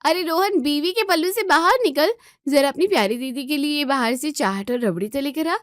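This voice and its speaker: A woman's voice: sing-song, normal speed, dry recording, studio quality. A woman voicing a spoiled, bossy married daughter who whines and gives orders. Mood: complaining. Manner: shrill, whiny, commanding.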